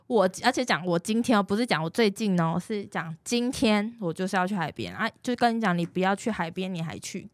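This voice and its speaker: A woman's voice: a little fast, hardly any pauses, no room sound. A woman with a Taiwanese Mandarin accent tells a story in a casual podcast chat. Her voice swings up and down a lot as she gets caught up in it. The sound is dry and close. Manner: animated storyteller, jumps high when excited. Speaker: podcast host.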